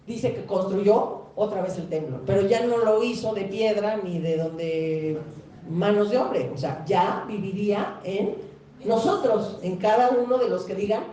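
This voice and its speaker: A woman's voice: mid-range voice, a little slow, dark tone, dull audio. A woman pastor preaching a sermon, chatting with the congregation, questioning them and acting out the people she quotes. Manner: conversational preaching, quizzes the congregation, acts out quoted speakers. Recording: echoey church hall, mic far off.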